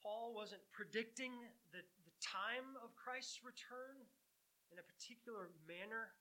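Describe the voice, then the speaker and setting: Bright-voiced male pastor preaching. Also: very high voice, unhurried, rough recording. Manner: conversational preaching with rhetorical questions. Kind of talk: sermon.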